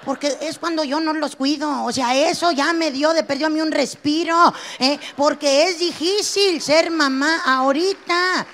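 A woman's voice: sits high, a bit bright, slight background noise. A middle-aged woman with a northern Mexican accent doing a brash stand-up comedy monologue, acting out a scolding mother. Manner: brash, quick-switching, acts out scolding mother.

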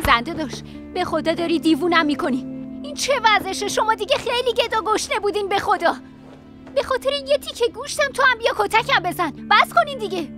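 A woman's voice: extremely high pitch, lively intonation, music in the background. A woman dubbing a bitter, fed-up young woman who argues with her family. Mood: exasperated. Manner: bitter, exasperated. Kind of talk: Persian dub of a TV series.

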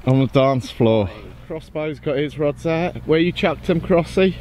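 A man's voice: fairly high pitch, measured pace, darkish tone, slight background noise. A man in his forties, chatting cheerfully in a casual outdoor vlog at a lakeside fishery, recorded on a handheld camera. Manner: chatty, upbeat, teasing. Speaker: vlogger and angler.

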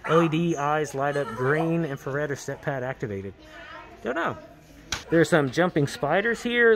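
A man vlogging as he walks through a large Halloween store, enthusiastically reviewing the props and their prices. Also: fairly high pitch. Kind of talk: casual handheld walkthrough commentary. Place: large empty retail store, indoors. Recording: loud store noise around the mic. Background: loud noise from props and store.

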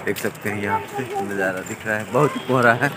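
A young man with a fairly low voice talks fast as he narrates a casual walking vlog outside on a foggy morning, chatting constantly and pointing out what viewers can see. He films on a handheld phone, and street noise and passing vehicles come through clearly.

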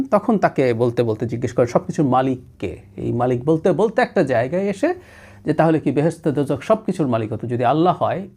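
Guy from bangladesh doing a solo political commentary show, emphatic, pitch jumps all over, mixes english words in. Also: gravelly, a little mellow. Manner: emphatic, often slips English phrases into his talk. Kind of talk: analytical commentary monologue.

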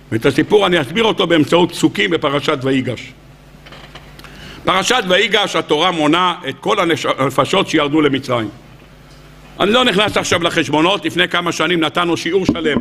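A rabbi holds forth before a live audience in a high, gravelly voice with a bright, sharp edge. He tells the story with humor, acts out each character, and keeps throwing questions at his listeners. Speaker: rabbi giving a weekly Torah lecture. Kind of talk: lively storytelling sermon. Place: lecture hall with a live audience.

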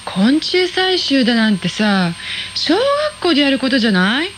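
A woman acts out a sassy teenage schoolgirl in a radio drama, using a high, chatty voice and a quick, cheeky delivery. The performance is very animated, with faint background noise beneath the lines.

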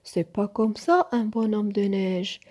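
A woman's voice: mid-range voice, steady tone, takes it slowly, warm tone. A woman voicing a fussy, grumpy little boy who grumbles and insists in a storybook.

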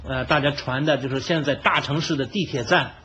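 A man's voice: medium pitch, brisk, sharp tone. A male commentator heard over a phone line, answering an interview question directly and explaining point by point. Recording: lo-fi phone recording with faint hiss.

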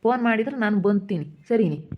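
A woman's voice: medium pitch, expressive, brisk, narrow, tinny audio, natural voice. A woman playing a patient village father who explains things plainly and repeats himself, with a rural Hiriyur accent. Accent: Hiriyur rural Kannada.

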